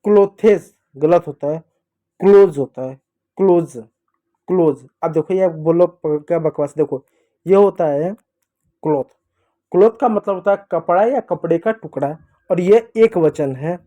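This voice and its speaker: A man's voice: fairly high pitch, a little slow, phone-quality sound. A man with an Indian accent teaching English pronunciation, emphatically repeating each word again and again. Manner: emphatic, repeats words over and over. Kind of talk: classroom lesson explaining pronunciation.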